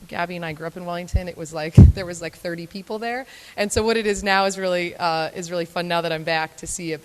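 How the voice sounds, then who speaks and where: A young woman speaks casually to a live audience, her voice sitting a little low. She rambles in a chatty, self-deprecating way, sprinkling in plenty of ums. Her voice trails off into a long echo around a large event hall. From Florida, United States. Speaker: guest speaker at a morning talk event. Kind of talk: conversational live talk to an audience.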